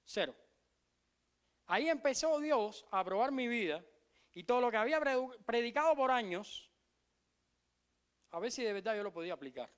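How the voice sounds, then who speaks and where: Cuban pastor, middle-aged man, high tenor voice, sermon delivery with emphatic repeats and quiet asides. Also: animated, moderate pace, long pauses, smooth. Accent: Cuban Spanish. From Cuba. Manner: emphatic preaching, drops to soft low asides, repeats key phrases.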